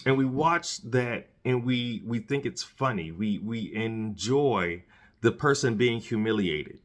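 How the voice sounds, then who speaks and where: A man's voice: mid-range voice, lively intonation, slow pace. A man hosting a solo commentary show, talking in an earnest, preachy way and often repeating and restarting his words. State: dry mouth, has candy in his mouth. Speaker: podcast host.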